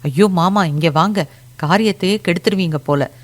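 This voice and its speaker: A woman voicing an impatient young man who urgently hushes his companion in a storybook reading. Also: on the low side, normal speed, lightly acted. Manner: urgent, scolding.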